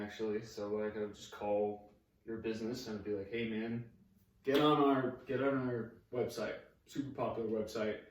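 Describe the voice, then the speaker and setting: A young man with a fairly low voice talks loosely as a podcast guest, cursing and laughing easily. He sits a bit back from the mic. The room around him rings with echo. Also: distant mic. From Saudi Arabia. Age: 20s. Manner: relaxed, swears casually, laughs often. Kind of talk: casual chat.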